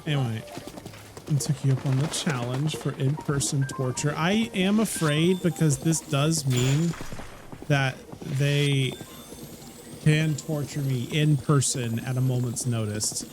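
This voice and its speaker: A man's voice: mid-range voice, measured pace, music in the background. A man casually chatting with his chat while streaming a game, laughing often and trailing off into restarts.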